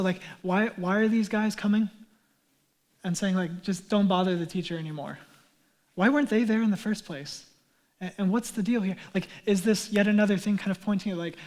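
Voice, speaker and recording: A man preaching a sermon as pastor, earnest and conversational, dropping to a hush for emphasis and using casual asides. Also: sits high.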